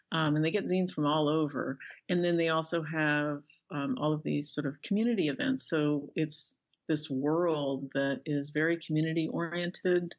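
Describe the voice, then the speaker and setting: A middle-aged author and illustrator, her voice sitting low, chats conversationally about her work in a casual interview. The recording is slightly dull and lo-fi, and she drifts haltingly between thoughts, often starting a sentence over midway.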